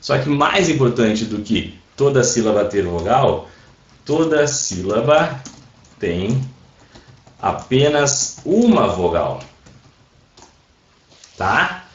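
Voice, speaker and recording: Man teaching in a roomy, dull recording. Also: medium pitch. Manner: explains patiently, asks students for confirmation often. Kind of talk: online class lecture. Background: airplanes passing overhead.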